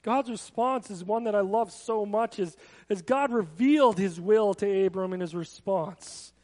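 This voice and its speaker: A man's voice: high-pitched, measured pace, darkish tone, in a large hall. A man preaching a sermon in an earnest, conversational way, with personal asides. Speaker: pastor.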